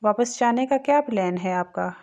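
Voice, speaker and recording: A woman's voice: on the high side, lo-fi sound, natural voice. A woman reading a shy young wife. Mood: soft. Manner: soft, pleading.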